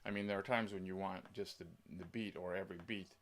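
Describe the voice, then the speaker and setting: A man giving a casual software tutorial, thinking aloud and rambling with many pauses and restarts. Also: low voice, steady tone, slight background noise. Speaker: music software tutorial presenter. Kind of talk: casual screen-share tutorial.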